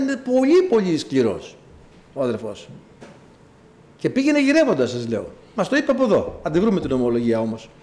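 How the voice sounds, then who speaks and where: A man preaching a sermon, telling stories and addressing the congregation directly in an animated way. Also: high voice. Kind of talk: sermon with storytelling.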